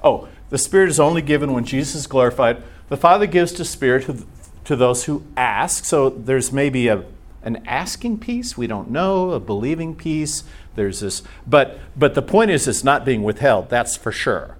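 A man's voice: medium pitch, animated, moderate pace. A man with an American accent gives an informal teaching talk to a church group, conversationally asking rhetorical questions and acting out imagined reactions. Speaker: Bible class teacher.

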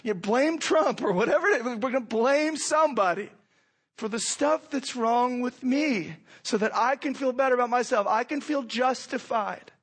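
A man giving an informal sermon as a pastor, conversational and repeating phrases for emphasis, his voice froggy and hoarse with a cold. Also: extremely high pitch, moderate pace. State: hoarse from a cold, clearing throat. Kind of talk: sermon, informal teaching with scripture reading.

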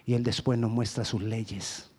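A Colombian man preaching a sermon as pastor, swinging between loud emphasis and hushed lines. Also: fairly low pitch, little pitch movement, a little slow, slightly rough. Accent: Colombian Spanish.

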